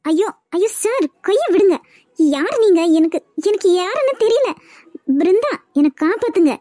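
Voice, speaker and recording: For a cartoon web series dub, a woman with a Kanyakumari Tamil accent plays a scared but firm young widow newly working in an office, flustered while refusing resolutely. Her voice sits high with a dark tone at moderate pace, lightly acted, recorded cleanly in a studio without room sound.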